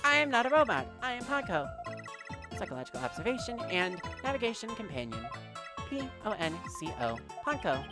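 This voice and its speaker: A woman's voice: medium pitch, very animated, brisk, over loud music, voice pushed up, close to an everyday voice. A woman voicing a polite, upbeat female guide robot in a game playthrough, with stiff, formal, announcer-like phrasing. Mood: insistent.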